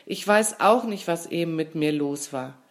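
A woman voicing a young male caterpillar friend, pushy and quick to shout, in a storybook. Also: deep voice. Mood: sorry. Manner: loud, insistent, raised voice.

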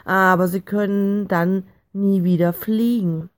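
A woman voicing a big, gentle male dragon in a storybook reading. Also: steady tone, slow, natural voice. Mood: reassuring. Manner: rumbling, deep-voiced.

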